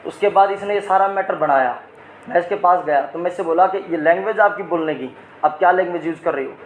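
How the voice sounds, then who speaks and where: Man complaining fast and loud-ish, high voice, keeps insisting, echoey station hall. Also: a little hiss or hum. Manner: insistent, repeats himself, talks over others. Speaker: metro passenger making a complaint. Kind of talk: heated argument.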